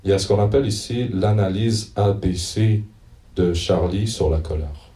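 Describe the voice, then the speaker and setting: A man preaching in an informal, hesitant way, pausing to look through his notes and read passages aloud. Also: deep voice, warm tone. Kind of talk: informal church teaching. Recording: echoey room, mic at a distance.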